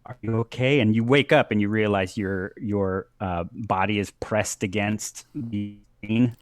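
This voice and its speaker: A man narrating a tabletop game as game master, halting with many restarts and frequent laughter. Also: lowish voice, fairly even intonation, dry recording, studio quality.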